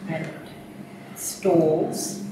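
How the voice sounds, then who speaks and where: A woman councillor speaks slowly and flatly in a lowish voice. She sounds distant and echoey in a large council chamber with room noise. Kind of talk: formal meeting report.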